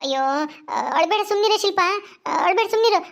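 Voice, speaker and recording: A fussy older village mother-in-law, played by a woman, scolding and coaxing in a shrill high voice. She talks fast and hardly stops for breath. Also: animated.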